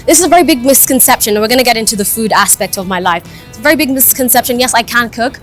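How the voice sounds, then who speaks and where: A young woman from Kenya chats openly to the camera in a casual vlog, her voice sitting a little high. She laughs easily as she talks, recorded outdoors high up on a building. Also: lively intonation, very fast, fairly bright tone, faint music behind. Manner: chatty, candid, laughs easily. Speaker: vlogger and radio host.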